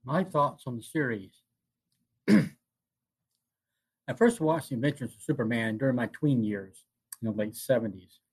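A man in his fifties hosting a retrospective, narrating from notes in a halting way and often repeating phrases. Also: medium pitch, slightly rough. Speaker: host. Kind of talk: semi-scripted narration of TV show retrospective.

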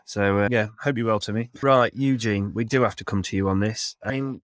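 A man in his thirties with a fairly low voice, recorded dry and close to the room-free end. He hosts a casual sports podcast, teasing and swearing freely while keeping things fairly quiet. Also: fairly quick, no echo. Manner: speaks quietly at home late at night. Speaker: podcast host.

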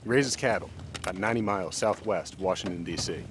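A man's voice: deep voice, quick pace, background noise. An American man reading scripted news narration as a radio reporter.

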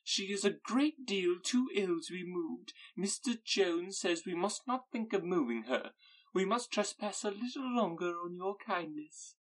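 Guy doing a squeaky high gushing mom, fussy and loud, drawn out. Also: animated, a little slow, rough recording. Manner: shrill and gushing. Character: fussy excitable middle-aged mother.

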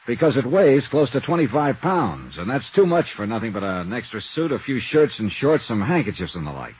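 A man voices a brisk, hard-boiled American insurance investigator in 1950s radio style, clipped and wry as he narrates in scripted first person and trades dialogue. He is the lead actor and narrator of a radio detective series, with a mid-range, slightly rough, faintly mellow voice that swings widely in pitch, and his mood stays matter-of-fact. The recording is a muffled vintage radio broadcast with music.

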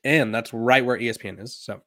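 A man's voice: mid-range voice, fast, pushed and bright, no echo, clean studio sound. Rambling young man hosting a sports podcast. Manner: rambling, filler-heavy, many "um"s and restarts. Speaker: podcast host. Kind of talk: casual sports podcast commentary.

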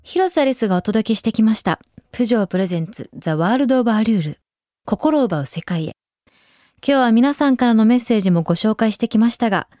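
A woman in her twenties hosting a radio show, chatting casually and relaxed, with frequent soft asides. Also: mid-range voice, no room sound, studio quality. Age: 20s. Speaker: radio host. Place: radio studio. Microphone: studio microphone.

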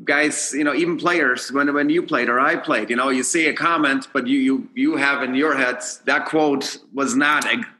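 A man's voice: medium pitch, steady tone, normal speed, few pauses, bright, forceful tone. A man from Austria, a native German speaker, appearing as a guest on a podcast. He is a former pro hockey player and chats loosely, often restarting his words as he thinks. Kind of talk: casual chat.

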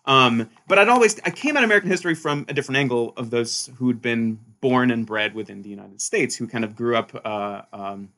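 Talking a little fast with few pauses, a historian and author from Sweden describes his academic path in conversational interview answers. He has a bright, forward-sounding mid-range voice and an animated manner, speaking in lively bursts with frequent restarts and a checking "right?" after his points.

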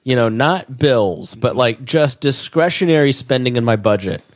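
On a studio mic, this male podcast host talks at normal speed in an expressive mid-range voice. He's getting over a cold and spends the casual chat telling jokey stories at his own expense.

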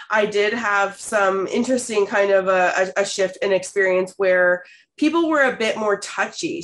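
A woman in her thirties from Canada, hosting a podcast and telling stories in a candid, expressive way with casual swearing. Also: mid-range voice. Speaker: podcast host. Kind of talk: casual storytelling chat.

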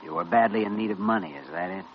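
An actor playing a calm, authoritative American doctor with terse, measured delivery in an old-time radio drama. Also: male voice, fairly low pitch, lightly acted. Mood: probing. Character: calm, authoritative hospital doctor, probing but fair. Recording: dull, noisy old radio recording.

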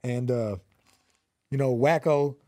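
A man's voice: medium pitch, slow, warm tone, no room sound, studio quality. A man in his twenties from Los Angeles, a rapper guest talking in slangy, earnest speech full of fillers. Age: 20s. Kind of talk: casual interview.

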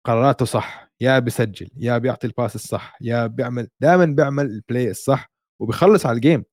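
Fast-talking man with a Levantine Arabic accent. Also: mid-range voice, darkish tone, no room sound, clean studio sound. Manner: mixes English basketball terms into Arabic. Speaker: basketball podcast host. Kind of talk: casual sports chat.

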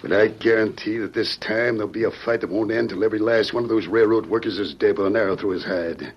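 An actor playing a scheming, ruthless gang boss in an old radio western, talking in a gruff, folksy, bossy way. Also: male voice, on the low side, quick pace. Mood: menacing. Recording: muffled, noisy old radio recording.

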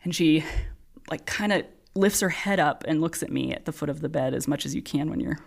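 Lady in her 30s telling a wild nursing story, lowish voice, keeps laughing and doing the voices. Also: fairly quick, gravelly. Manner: animated, laughing, acts out voices in her stories. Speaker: podcast guest, nurse. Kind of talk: casual storytelling chat.

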